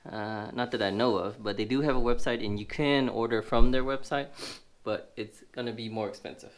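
Handling the box at an indoor table, a tech reviewer thinks aloud through a casual unboxing, rambling with many fillers. His sniffly, stuffy voice is medium-pitched and steady at a normal speed.

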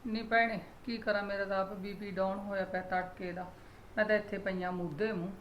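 A woman's voice: medium pitch, flat delivery, a little fast, echoey room, slight background noise, close to an everyday voice, rough recording. A woman with a Punjabi accent playing a worried, apologetic mother-in-law who laments her son's behaviour. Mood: lamenting.

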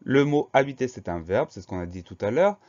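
A man's voice: medium pitch, expressive, brisk, a little mellow, lo-fi sound. A man teaching a spelling lesson, patiently spelling out each word letter by letter.

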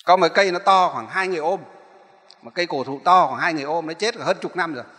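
A man's voice: a little high, fast talker, pushed and bright. A man, a Buddhist monk, telling a story in a sermon, rambling and often repeating or correcting himself. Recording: echoey hall.

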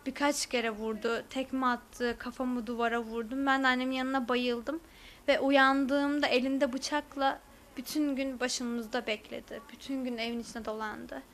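A woman's voice: sits high, level tone, moderate pace, a bit bright, slight background noise. Hesitant young woman recounting. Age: young adult. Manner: hesitant, with filler sounds. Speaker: interviewee, university student. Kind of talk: testimony to a news camera.

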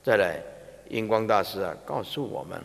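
A man, a Buddhist monk giving a slow, emphatic, demonstrative sermon to a large audience. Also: lowish voice, lively intonation, gravelly. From Taiwan. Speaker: Buddhist monk teaching a dharma talk. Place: large exhibition hall before a big audience. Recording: reverberant large hall.

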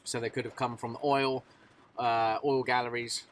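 A man's voice: mid-range voice, level tone, normal speed, a little hiss or hum. A man in his thirties, a mobile mechanic, casually explaining a repair to a phone camera, matter-of-fact with many fillers. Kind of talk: casual work vlog narration. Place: van cab and outdoors at a vehicle in rain. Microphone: phone camera held at arm's length.

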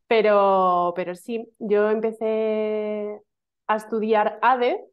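A woman's voice: medium pitch, clear, resonant tone. Chatty woman from Spain on a video call. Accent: Castilian Spanish. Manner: chatty, animated, lots of fillers and laughs. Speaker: guest, email marketing specialist. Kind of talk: casual video call interview. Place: small room at home. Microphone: laptop microphone on video call. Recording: dull lo-fi video call audio.

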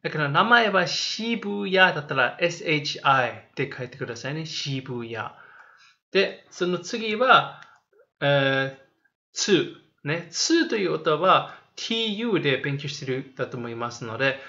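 A man teaching a review lesson to children in Japanese, saying words slowly and repeating them. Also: on the high side, very animated, bright, forceful tone. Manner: explains slowly in Japanese, then says and repeats English words. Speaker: English teacher. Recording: dull lo-fi recording.

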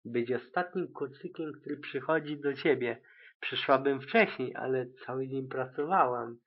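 A fretful, theatrical young unicorn mare who gushes over every small thing, as a man reading the story puts her on. Her pitch sits in the middle range, never strained high. The sound is thin and tinny, like it comes down a phone line. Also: normal speed, close to an everyday voice. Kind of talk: amateur audiobook reading.

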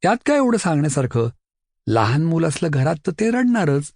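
Brief: man voicing a bright mischievous schoolboy, lively and high. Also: brisk, no echo, studio quality. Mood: curious. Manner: bright, pleading, chatty. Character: mischievous helpful schoolboy, eager and quick-witted.

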